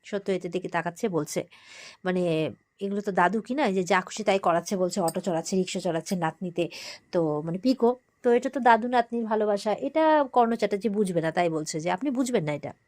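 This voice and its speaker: A woman's voice: mid-range voice, fairly quick, a little mellow. A woman with a Bengali accent casually recapping a TV serial episode, now and then acting out the characters' lines. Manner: retells scenes, briefly acting out characters' lines in a livelier voice.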